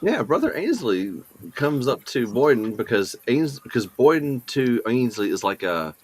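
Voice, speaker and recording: A man's voice: medium pitch, sing-song, normal speed, slight background noise. A man playing a tabletop role-playing game, moving between narration and theatrical in-character speech.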